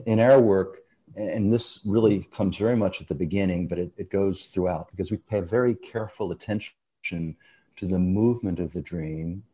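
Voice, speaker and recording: Deep, mellow-voiced man explaining patiently. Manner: measured, explanatory, often trailing off softly. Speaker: guest expert on dreams. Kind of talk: radio interview explanation.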